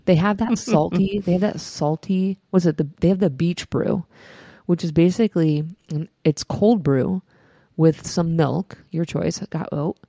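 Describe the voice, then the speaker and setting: A woman's voice: on the low side, unhurried, warm tone, no room sound, clean studio sound. A woman co-hosting a podcast, telling a rambling story in casual chat and swearing freely. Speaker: podcast co-host.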